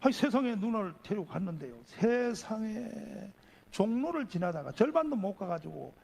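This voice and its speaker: A middle-aged man preaching a testimony sermon as pastor, telling stories with lively acted-out voices. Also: sits high, moderate pace, vocal fry. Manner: animated storyteller acting out voices.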